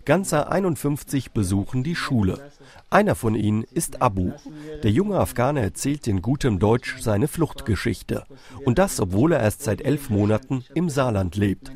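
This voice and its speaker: A male reporter narrates a regional news feature. His delivery is even and measured, at an ordinary middle pitch.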